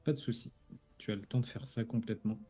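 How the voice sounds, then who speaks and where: A man's voice: medium pitch, steady tone, fast, warm tone, husky, soft background music. A man acting as game master, casually narrating a tabletop role-playing game.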